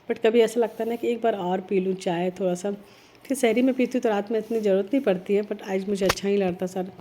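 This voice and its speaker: Middle-aged woman vlogger, hoarse from a cold, dark flat voice, reflective rambling talk. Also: slight background noise. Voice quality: heavy, low-sounding voice. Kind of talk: casual vlog talk.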